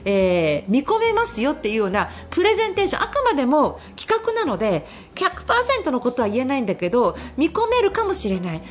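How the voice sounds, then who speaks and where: A middle-aged woman hosting a radio show, giving casual business advice and chatting about her week, laughing often as she tells stories, with a hint of speech. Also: high voice. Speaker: radio host and business consultant. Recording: slightly dull radio broadcast.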